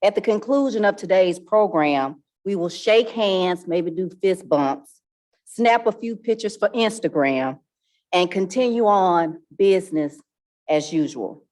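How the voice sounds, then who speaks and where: A woman's voice: medium pitch, animated, unhurried, a little mellow. A woman moderator delivering a scripted, formal closing address to a community audience. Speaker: panel moderator.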